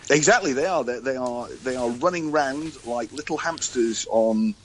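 A man with a croaky, frog-in-the-throat voice and a middling pitch. He chats casually as a guest, tossing in dry jokes and stumbling into repeated words. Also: moderate pace, a bit bright, low-quality recording. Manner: joking, stammering repetitions. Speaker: sports organisation chief executive, interview guest. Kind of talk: casual chat.

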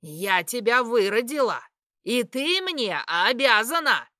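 A woman reading an audiobook, voicing a domineering, cruel mother who shouts scornfully and slowly. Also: mid-range voice, sing-song, no room sound, studio quality, full character voice. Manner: shouting, scornful, slow and heavy.

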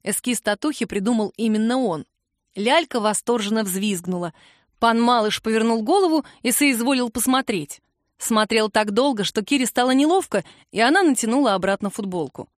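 A woman's voice: on the high side, normal speed, no echo. Woman narrating a novel, close and dry. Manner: even storytelling with voiced characters. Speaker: audiobook narrator. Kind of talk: scripted narration.

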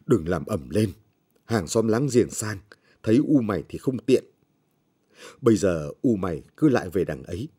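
A man's voice: lowish voice, lively intonation, normal speed, pauses often, dark tone, breathy edge. A man reading the lines of a poor peasant husband, a grieving father, in a weary, subdued way.

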